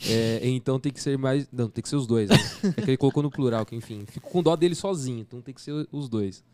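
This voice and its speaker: A man's voice: mid-range voice, fast, darkish tone. A man with a Brazilian accent in casual live-stream banter, slangy and jokey, reading chat comments as co-host. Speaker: livestream co-host.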